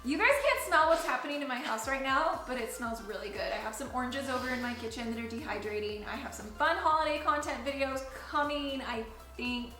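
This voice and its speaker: A woman's voice: high voice, fairly quick, hardly any pauses, sharp tone. A young woman chatting casually to camera as a co-host, candid and playful, with dramatic emphasis. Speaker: video creator, co-host. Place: indoors at home. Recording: roomy echo, faint music behind.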